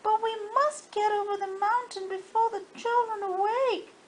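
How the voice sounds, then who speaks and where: A woman's voice: extremely high pitch, steady tone, normal speed, slight background noise, pitched above the performer's own voice. A woman voicing a group of small dolls and toys in a storybook, eager, plaintive and pleading. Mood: urgent pleading.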